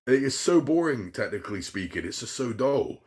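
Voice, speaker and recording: A man's voice: mid-range voice, sing-song, moderate pace, a little mellow. A man hosting a casual chat show, talking with rambling enthusiasm and swearing freely. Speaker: podcast host.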